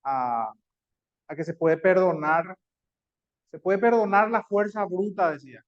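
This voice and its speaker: A high-voiced man gives a chatty online lecture, pausing on fillers and restarting his phrases. The audio is dull and lo-fi. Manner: conversational, with many fillers and restarts. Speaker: teacher.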